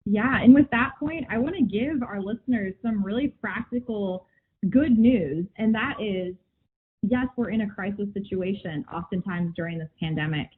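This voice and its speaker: A woman hosting a casual podcast, leading the conversation in an upbeat manner, with a husky voice. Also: medium pitch. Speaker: podcast host. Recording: tinny phone-like line.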